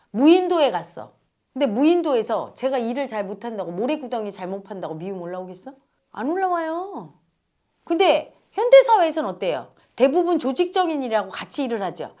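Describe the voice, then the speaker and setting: Lively, high-voiced woman teacher. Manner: lively, acts out quoted voices, asks the audience questions. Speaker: spiritual teacher. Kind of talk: dharma talk.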